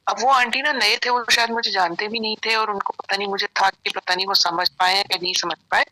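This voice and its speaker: Bright-voiced woman telling a devotional story. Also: medium pitch, dry recording, poor audio. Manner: earnest storytelling, mixing in English phrases. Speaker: devotee sharing a testimony. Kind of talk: storytelling testimony at a prayer gathering.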